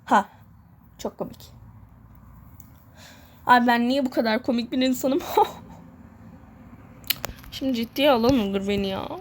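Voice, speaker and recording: A woman's voice: a little high, measured pace, long pauses. A woman chatting casually while playing a game, rambling, joking about herself and repeating the same words over and over. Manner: jokey and self-mocking. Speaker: gamer vlogger. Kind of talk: casual let's-play chatter.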